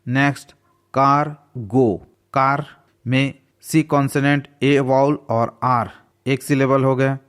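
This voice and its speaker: A man teaching a slow English lesson, patiently spelling words out letter by letter. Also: mid-range voice.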